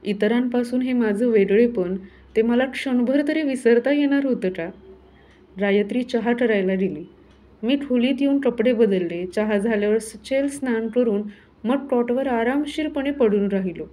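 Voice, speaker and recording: A woman reading a horror novel aloud in a measured, clear, steady storytelling manner. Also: on the high side. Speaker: audiobook reader.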